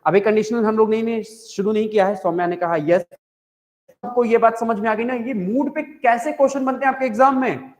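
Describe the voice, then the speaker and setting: A high-pitched man with an Indian accent teaches English grammar to an online class, repeating each point and checking whether students follow. His voice rings in an echoey room with a long reverb. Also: a little fast. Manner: explains by repeating and asking the class questions. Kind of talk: live online class in Hindi-English mix.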